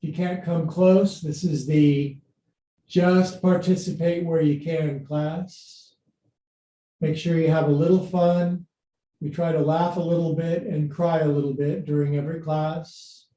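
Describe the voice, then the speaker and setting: A middle-aged man with a slightly high, mellow voice teaches a live online yoga class. He takes his time, giving brief commands and counts, then slips into playful, folksy jokes. The room around him is clearly echoey. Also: steady tone, measured pace, lo-fi sound. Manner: playful, folksy, joking asides and silly sound words. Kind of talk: live-streamed exercise class instruction.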